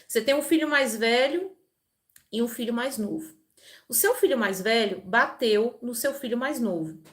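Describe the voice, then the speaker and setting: A woman's voice: a little high, expressive, normal speed. A woman who hosts her own channel. She reads scripture aloud and breaks off to explain it in a conversational way, using everyday examples and frequent tag questions. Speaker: Bible reader and channel host. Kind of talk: scripture reading with informal commentary.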